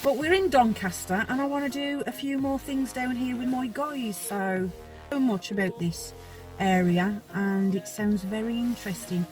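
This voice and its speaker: A woman's voice: on the high side, moderate pace, a little mellow, recorded from a distance, faint music behind, poor audio. A woman hosting her own vlog, chatting casually and laughing as she trips over place names. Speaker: vlogger, host of the channel.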